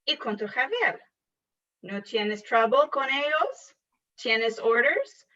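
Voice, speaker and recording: A fussing, scolding mother, read by a woman, nags her grown son with a bright, slightly high voice that moves slowly. She sounds set back from the mic, and the sound is dull and lo-fi. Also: big pitch swings, distant mic, exaggerated voice. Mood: nagging. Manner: scolding, nagging, full of complaints. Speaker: student reading a scripted dialogue. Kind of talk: read-aloud scripted dialogue.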